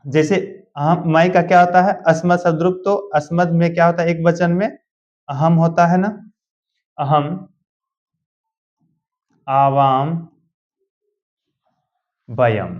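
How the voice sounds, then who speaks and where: A man's voice: fairly high pitch, a little mellow. A male teacher giving a classroom grammar lesson, explaining step by step and often asking the students whether they follow. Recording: dull lo-fi sound.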